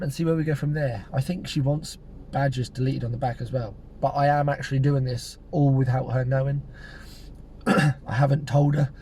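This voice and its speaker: A man's voice: mid-range voice, a little hiss or hum. A young man talking casually to the camera in a car vlog, rambling with fillers and losing his voice. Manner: chatty, relaxed, rambling with fillers. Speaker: car detailing vlogger.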